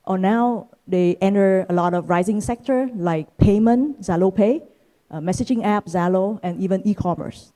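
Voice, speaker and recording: Speaking from a conference stage, a Vietnamese woman in her thirties gives a keynote with a medium-pitched, dark voice. A venture capitalist, she keeps a measured pace but fills gaps with frequent "uh"s.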